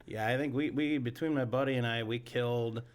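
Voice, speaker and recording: A man's voice: mid-range voice, fairly even intonation, a little fast, smooth. A man co-hosting a casual podcast, laughing often and chiming in with short replies. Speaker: podcast co-host. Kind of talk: casual chat.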